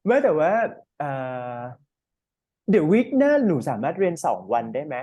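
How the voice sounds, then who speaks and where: A man's voice: on the high side, very animated, normal speed, warm tone, husky, dry recording. A man giving a casual one-on-one English lesson, explaining with fillers and frequent checks. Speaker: English tutor.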